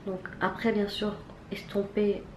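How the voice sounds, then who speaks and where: A woman's voice: medium pitch, completely flat delivery, measured pace, darkish tone. A woman casually reviewing her latest makeup purchases, chatty and hesitant, with lots of fillers and restarts. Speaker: beauty vlogger. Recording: echoey room with faint background noise.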